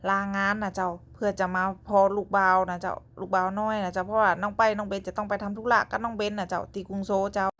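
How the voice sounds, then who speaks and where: A woman's voice: mid-range voice, level tone, quick pace, hardly any pauses, a bit bright, slight background noise. A young woman with a Northern Thai accent, narrating her own vlog in a chatty way and closing her phrases with polite particles. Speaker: vlogger.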